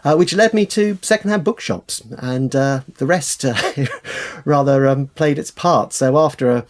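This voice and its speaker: A British man with a mid-range voice speaks unhurriedly as a scholarly guest in a conversational interview. He tells stories enthusiastically, though his words come hesitantly and repeat.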